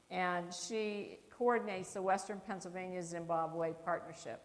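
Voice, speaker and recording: A woman hosting a church evening, announcing a hymn and introducing the guest speaker with a self-deprecating, apologetic touch. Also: lowish voice. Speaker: event host. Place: church hall. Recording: church hall reverb with faint noise.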